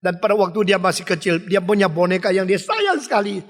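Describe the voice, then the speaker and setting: A man's voice: sits high, animated. Emphatic preaching man in a big hall. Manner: emphatic preaching with dramatic swings and slowed repetitions. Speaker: pastor. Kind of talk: sermon. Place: pulpit in a large church. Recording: long reverb of a large hall.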